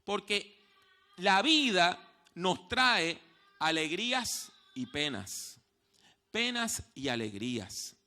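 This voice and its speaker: A male pastor delivers a sermon in a high, piercingly bright voice. He moves between soft, hushed moments and loud, raised passages. He slows down to repeat his main points with weight. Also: very animated. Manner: storytelling preacher, swings from hushed to loud; repeats key phrases slowly for emphasis. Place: church.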